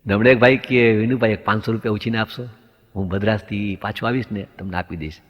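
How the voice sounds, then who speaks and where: Delivering stand-up, a man with a lowish voice talks fast in fairly even intonation, acting out both parts of the dialogue in his anecdotes before landing the punchline. The recording sounds dull and lo-fi, and a long hall reverb trails behind him.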